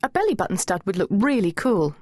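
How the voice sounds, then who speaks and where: A woman's voice: medium pitch, sing-song, fairly quick, darkish tone, dry recording, clean studio sound. A woman narrator voicing an earnest teenage girl who coaxes her friends along. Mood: coaxing. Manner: coaxing, earnest.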